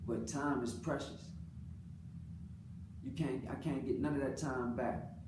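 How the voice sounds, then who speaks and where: A man's voice: medium pitch, steady tone, measured pace. An American man speaking off the cuff in an earnest, colloquial personal monologue, repeating phrases for emphasis. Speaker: father speaking about his own life. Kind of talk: unscripted personal monologue, casual talk. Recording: roomy, distant mic, clearly noisy background.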